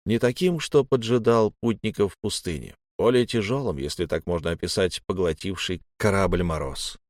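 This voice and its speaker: A man narrating a first-person audiobook in a steady, measured way. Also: deep voice, no echo, studio quality.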